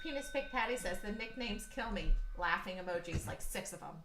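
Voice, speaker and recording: A woman's voice: mid-range voice, animated, brisk. A woman co-hosting a podcast, reading listener comments aloud in casual chat and giggling. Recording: roomy mic with faint noise.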